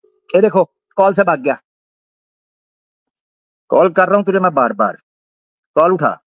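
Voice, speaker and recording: A man's voice: high voice, animated, a little slow, dry recording. A man hosting a livestream debate, taunting and repeating his jabs in a heated call-out. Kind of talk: heated live call-out on stream.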